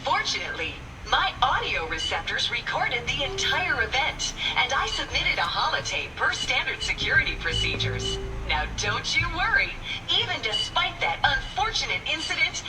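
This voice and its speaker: Bubbly metallic robot guide. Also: female voice, sing-song, normal speed. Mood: chipper. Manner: bubbly sales-pitch patter with system error breaks. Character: cheerful female robot park guide, glitching. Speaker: informational robot assistant. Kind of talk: video game dialogue. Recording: distant game audio over music.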